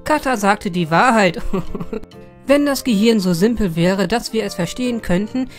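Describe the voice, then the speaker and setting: A woman's voice: mid-range voice, moderate pace, faint music behind. A woman hosting a joke channel, reading viewer jokes aloud and giggling after the punchlines with amused little asides.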